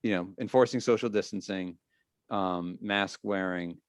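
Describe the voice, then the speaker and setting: Low-voiced man explaining, halting, dry sound. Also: smooth, no echo. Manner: halting, repeats phrases, explanatory. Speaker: meeting leader, school official. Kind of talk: public meeting discussion.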